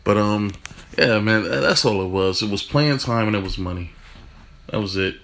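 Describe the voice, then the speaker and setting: A man talking fast in a casual football rant, stumbling over restarts and swearing casually. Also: fairly low pitch, a bit bright. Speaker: football fan commentator.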